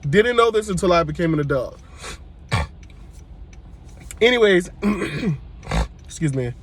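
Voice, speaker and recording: A man's voice: sits high, animated, slow pace, background noise. A man from Brooklyn, a church worship singer telling personal stories in a chatty way. He is congested, often corrects himself and speaks straight to his viewers. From Brooklyn, New York. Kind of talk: casual personal storytelling to camera.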